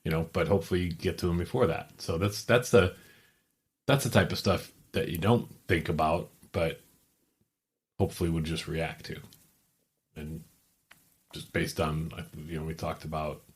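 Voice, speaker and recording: A man's voice: sits low, fairly even intonation, normal speed, pauses often, breathy edge. A man co-hosting a podcast, easygoing and agreeable in casual chat. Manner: easygoing, agreeable, lots of back-channel replies. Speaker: podcast co-host.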